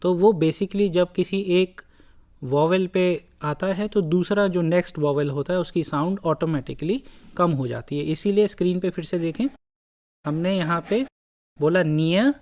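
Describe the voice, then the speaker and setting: A lecturer giving a recorded lesson, speaking deliberately in short broken phrases and repeating key words. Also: mid-range voice, darkish tone. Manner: slow, deliberate, breaks phrases into short pieces. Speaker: language lecturer.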